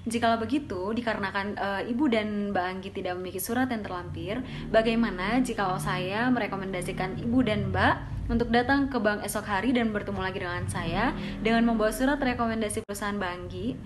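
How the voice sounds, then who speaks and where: A woman's voice: mid-range voice, brisk, background noise, natural voice. A woman playing a patient bank officer in a role-play, with a formal, apologetic customer service voice. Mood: apologetic, firm.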